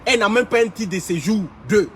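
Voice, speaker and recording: A man's voice: high-pitched, fairly quick, fairly bright tone, slight background noise. A young man from Côte d'Ivoire with an Ivorian French accent, ranting indignantly as a blogger in a heated vlog full of street slang.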